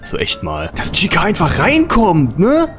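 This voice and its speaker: A man's voice: high voice, wildly swooping pitch, measured pace, a bit bright, faint music behind. A man hosting a comedic horror game let's-play, talking sarcastically and exclaiming.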